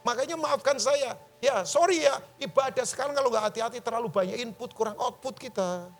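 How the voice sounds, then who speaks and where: A man preaching a sermon as pastor at a church service, in a colloquial, lively way that breaks into loud, emphatic bursts. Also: very high voice, fairly quick, soft background music.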